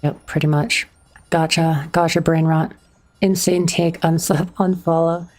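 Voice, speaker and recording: A woman's voice: deep voice, level tone, measured pace, darkish tone. A woman streamer chatting casually with her viewers as she plays, a little awkward, answering chat on a streaming microphone.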